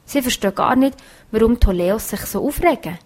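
A woman's voice: a little high, animated, fairly quick, a little mellow. Woman narrating a children's story.

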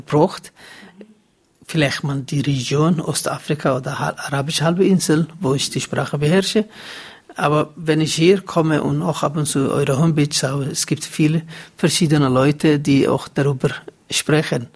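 Gravelly Somali-accented man, halting. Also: a little high, fairly even intonation, darkish tone. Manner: halting non-native German, many fillers. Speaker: interview guest. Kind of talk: radio interview answers.

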